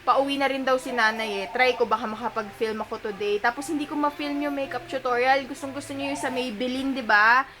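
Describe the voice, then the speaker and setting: Chatty Filipino mom vlogging at home. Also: female voice, high-pitched, fairly even intonation, fairly quick. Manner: chatty, addresses viewers as sisters, mixes in English. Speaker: vlogger and young mother. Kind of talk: casual home vlog chat. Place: bedroom at home. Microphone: camera on a tripod.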